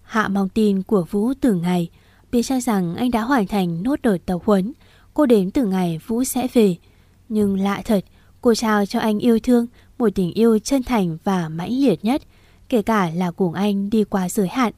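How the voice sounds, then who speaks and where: A woman narrating a story as an audiobook in an even, steady manner. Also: medium pitch, unhurried, no echo.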